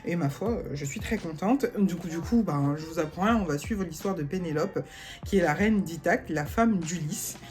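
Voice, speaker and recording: A woman's voice: on the low side, normal speed, darkish tone, soft background music. A young woman chatting casually about books she bought, with lots of fillers and frequent giggles. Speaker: book vlogger. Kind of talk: casual book haul chat.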